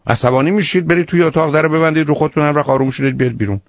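A man's voice: fairly high pitch, no echo, dull audio. A man hosting a radio call-in advice show, lecturing a caller sternly and emphatically.

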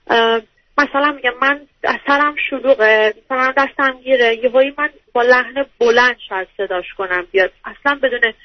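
A woman's voice: on the high side, dry recording. A woman calling in to an advice show, explaining at length in a hesitant, stammering way. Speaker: caller. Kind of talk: call-in counseling chat. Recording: dull lo-fi phone-line audio.

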